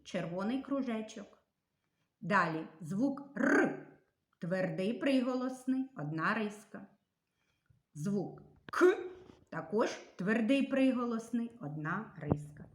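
A woman teaching a reading and writing lesson to young children, speaking slowly and clearly with encouragement. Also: medium pitch, expressive, roomy sound. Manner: slow, clearly articulated, encouraging.

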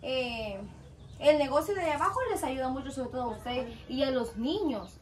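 A woman leads the interview, calm and encouraging as she gives advice. Her voice is high. She records on a phone video outdoors, with faint noise behind her. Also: normal speed. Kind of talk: conversational interview.

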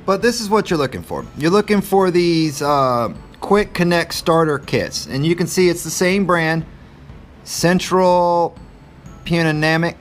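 A man's voice: fairly high pitch, animated, a little slow, slight background noise. A man in his thirties casually unboxing and reviewing tools, plain-spoken and a little self-deprecating, recorded on a camera mic in a cluttered indoor garage workshop. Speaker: channel host reviewing tools.

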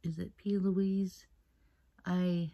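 A woman vlogger chatting casually through her makeup routine in a soft, half-whispered, rambling way, recorded at her mother's place on the camera's own mic without a separate microphone. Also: lowish voice, little pitch movement, slow pace, dull audio. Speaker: beauty vlogger. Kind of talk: casual get-ready-with-me makeup chat. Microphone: built-in camera mic, no separate mic.

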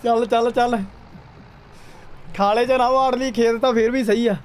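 A young man casually commentating a game with a friend, excitable, repeating short exclamations. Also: extremely high pitch, a little slow. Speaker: gaming streamer. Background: tractor game sounds.

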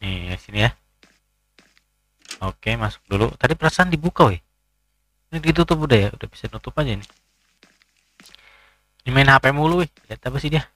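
A man playing through a spooky game and talking over it in a loose, jokey way, often turning to his viewers. His voice sits at an ordinary middle pitch, and the sound is dry and close, with no room around it. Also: lively intonation, fairly quick, long pauses, fairly bright tone, no echo. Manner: chatty, keeps addressing viewers, jokey and easily startled. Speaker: gaming YouTuber. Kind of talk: casual let's-play commentary.

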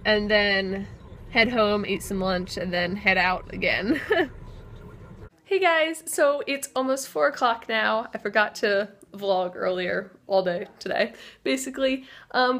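A woman's voice: fairly high pitch, a bit bright. Chatty upbeat young woman vlogging. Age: 20s. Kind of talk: casual vlog chat.

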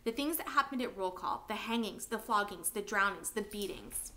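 A woman voicing a traumatized, frightened father who speaks in a halting, whimpering way. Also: mid-range voice, lively intonation, bright, forceful tone.

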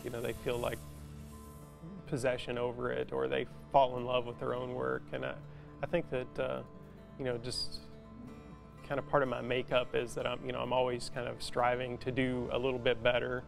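A metal sculptor in his forties gives a reflective documentary interview in a large indoor metal workshop, speaking haltingly and thoughtfully with lots of casual fillers and many "you know"s. His mid-range voice is gravelly and monotone, recorded on a lapel mic, with instrumental music behind him.

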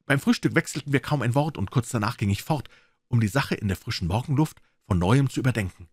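A man narrates a classic detective story in the first person, giving it dramatic weight. His voice is mid-pitched and somewhat husky. The recording is dry and close, with no room sound. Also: lively intonation, quick pace, no echo. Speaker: audiobook reader.

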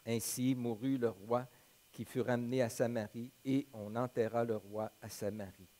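A male pastor with a Quebec French accent, reading scripture aloud in measured phrases, then preaching in a plain, conversational way with small hesitations. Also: medium pitch, steady tone, warm tone. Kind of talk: sermon with Bible reading.

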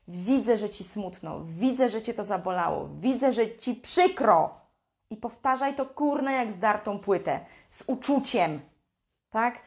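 Woman, high voice, unhurried, blunt parenting coach, emphatic, slangy. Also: a little mellow. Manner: acts out parents' lines in quick mimicking voices. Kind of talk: direct-to-camera advice talk.

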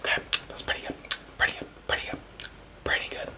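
Fast, chaotic and aggressive, this ASMR comes from a young man repeating short phrases in rapid-fire bursts, his whisper mostly unvoiced. He makes videos from a small indoor bedroom, mouth close to a desk microphone.

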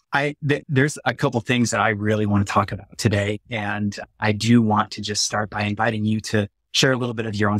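Husky-voiced man hosting a video call. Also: lowish voice, dry recording, studio quality. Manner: earnest, heartfelt, flowing. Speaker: interviewer and peacemaking trainer. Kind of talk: virtual conversation, earnest introduction. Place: small room with curtained window. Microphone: phone or webcam close up.

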